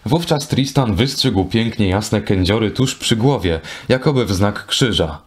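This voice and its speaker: A male audiobook narrator telling an old legend. He reads in a steady storytelling manner, and his voice sits somewhat low. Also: a little slow, husky. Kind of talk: scripted narration.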